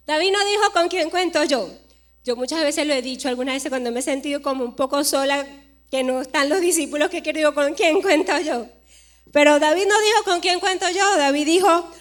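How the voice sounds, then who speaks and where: A woman pastor in her forties preaching a sermon, telling a personal story with animated delivery and acted-out dialogue. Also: high-pitched. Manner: animated storytelling, acting out dialogue with emphatic rises.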